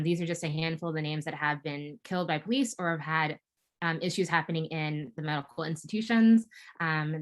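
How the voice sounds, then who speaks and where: Casual woman, lowish voice. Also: fairly bright tone. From United States. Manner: casual, many fillers and restarts. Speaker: guest speaker. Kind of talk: webinar presentation.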